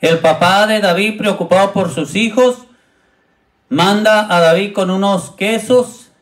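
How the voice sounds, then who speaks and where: Pastor, male, high voice, unhurried sermon delivery, retells the story and voices the people in it. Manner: retells a Bible story, acting out the quoted speakers in raised voices; addresses the congregation directly.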